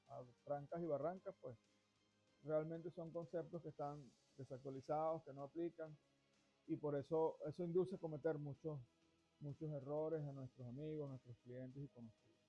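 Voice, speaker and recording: A man's voice: fairly high pitch, fairly even intonation, moderate pace, dark tone, breathy edge. Discursive Venezuelan-born man, dull sound. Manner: discursive, repeats and restarts phrases. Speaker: finance show host. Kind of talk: monologue to camera. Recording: dull lo-fi sound with faint music.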